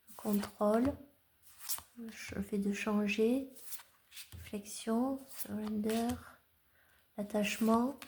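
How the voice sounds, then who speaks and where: Slow, mellow-voiced woman vlogging. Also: fairly high pitch, slight background noise. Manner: hesitant, many fillers and restarts. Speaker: tarot collector vlogger. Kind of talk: casual show-and-tell vlog. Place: at home.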